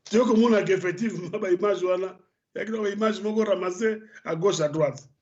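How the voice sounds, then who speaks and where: A Congolese man argues politics on a studio show in a high, urgent voice. He presses his points and trips over repeated syllables. The broadcast audio is muffled and lo-fi. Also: a little fast, a little mellow. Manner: impassioned, stammers on restarts. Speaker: political commentator. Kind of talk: studio debate commentary.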